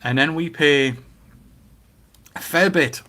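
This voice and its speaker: A man's voice: a little high, slow pace. Middle-aged man with a Geordie accent. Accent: Geordie, Newcastle. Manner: animated storytelling with acted-out quotes and rhetorical questions. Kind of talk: casual opinionated chat.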